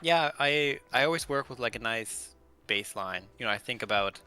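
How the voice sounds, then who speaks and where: A man guesting on a casual chat, relaxed and agreeable, thinking out loud about designing a game world. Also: mid-range voice, normal speed, soft background music.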